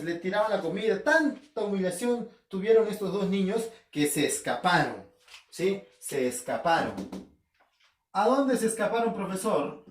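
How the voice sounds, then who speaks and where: A man teaching a literature class in a casual, animated way, asking questions and answering them himself. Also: sits high. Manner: animated, asks and answers his own questions. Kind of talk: casual remote class lecture. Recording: echoey room, voice somewhat far from mic.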